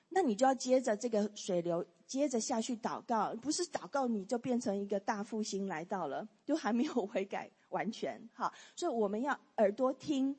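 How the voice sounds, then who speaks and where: A warm, husky, mid-range female voice leads a church class on prayer, taking the group through points and group reading with frequent "好" and "哈" fillers. The recording has long hall reverb.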